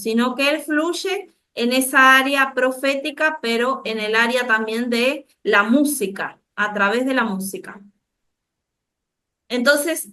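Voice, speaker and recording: Woman, Dominican Spanish accent, online Bible class teacher, slightly high, unhurried. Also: sharp tone. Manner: slow, explanatory, with frequent restarts and questions to the class.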